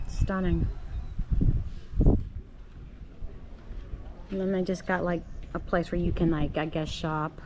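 A woman's voice: fairly low pitch, level tone, slow pace, long pauses, a little mellow, slight background noise. Chatty woman vlogging outdoors. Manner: chatty, talks straight to her viewers. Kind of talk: casual vlog narration. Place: outdoor park trails by a spring. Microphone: handheld camera at arm's length.

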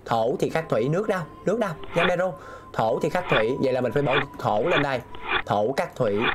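A man's voice: mid-range voice, expressive, fast, over loud music. A man streaming a game, talking himself through puzzles and reading viewers' messages aloud. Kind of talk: live gameplay commentary.

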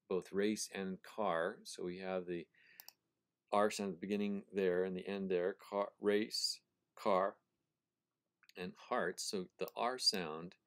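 Deep-voiced man teaching prose style. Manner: methodical, repeats phrases slowly to stress sound; thinks aloud, self-correcting. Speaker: professor. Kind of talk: recorded lecture on prose style.

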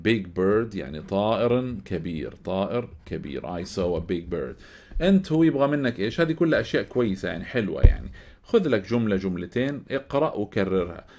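Low-voiced man teaching English. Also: expressive, darkish tone. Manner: explains slowly, spells words letter by letter, repeats English phrases. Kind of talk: workbook lesson explanation.

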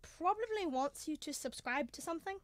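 A young woman playing a doubtful, mildly indignant gentleman doctor and loyal sidekick in a radio drama. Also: high-pitched, animated, fairly quick. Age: young adult. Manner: hesitant, protesting. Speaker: student actor. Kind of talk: 1930s-style radio drama acting.

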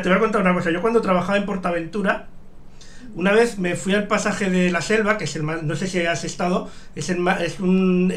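A man's voice: high-pitched, a bit bright. A man in his thirties hosts a casual streamed interview, telling a rambling story and reading out viewer questions through his headset. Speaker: show host. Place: home streaming room.

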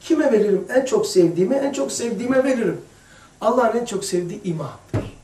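A man giving an informal religious lesson to a small group, chatty and addressing listeners by name, moving between hushed asides and emphatic passages. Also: sits high, lively intonation, brisk. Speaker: religious teacher. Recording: echoey room, distant mic.

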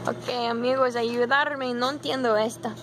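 Her voice sits a little high with a steady tone as this young woman, whose first language is English, haltingly works through a casual Spanish vlog with many fillers. Background noise accompanies her in the car, restaurant, parking lot and grocery stores, captured by a camera held at arm's length.

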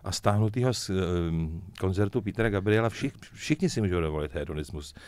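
Middle-aged guy with a really deep voice, musician on an interview, jokey storyteller. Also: no echo. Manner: lively joking storyteller, chuckles often. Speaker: musician guest. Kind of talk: casual interview chat.

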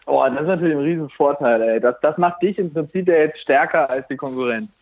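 A man's voice: on the high side, fast talker. A man calling in to a live call-in show over the phone, chatting casually and laughing easily. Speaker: caller. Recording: tinny phone line.

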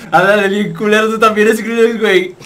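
A man making crude, loud, joking asides to a friend while gaming. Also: high-pitched, steady tone, fast, far from the mic.

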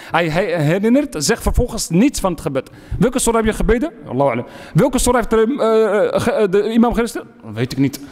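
High, lively-voiced man preaching in a hall. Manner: emphatic, repeats key phrases, asks and answers his own questions. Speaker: speaker giving a religious lecture. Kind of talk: sermon. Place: lecture hall.

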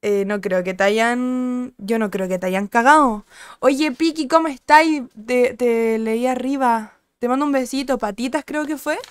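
A young woman with a Chilean accent, chatting loosely with her live chat in crude slang. Her voice sits fairly high and comes through smooth, on a close, dry mic. Today it carries a slight huskiness. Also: a little slow, dry recording. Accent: Chilean Spanish. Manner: chatty, crude slang, reads out and greets viewers. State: slightly husky voice from little streaming. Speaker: streamer. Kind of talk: casual chat with live chat viewers.

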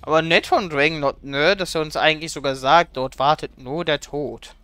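Guy streamer chatting over a game, bright crisp voice, playful n wry, dry close mic. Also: a little high, normal speed, no echo. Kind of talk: casual gameplay commentary.

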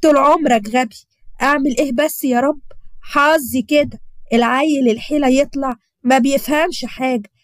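A woman's voice: fairly even intonation, brisk, no echo, lightly acted. A woman voicing a harsh middle-aged mother who scolds her grown son in the street, with an Egyptian accent. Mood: scornful. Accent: Egyptian Arabic. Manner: shrill, harsh, complaining.

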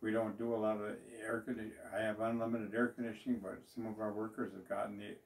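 An older man who owns a business speaks to the camera from a small office, rambling plainly with fillers and restarts as he talks about his company. His voice sits fairly low, with a level tone and a quick pace. Picked up by a distant camera mic, it sounds far off in a roomy, echoing space.

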